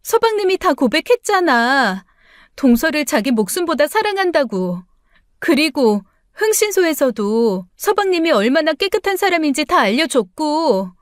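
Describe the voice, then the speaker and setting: A woman voicing an anxious sister-in-law who pleads with her and tries to calm her down in an audiobook drama. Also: high-pitched, dry recording, studio quality, pitched above the performer's own voice. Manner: urgent pleading, placating.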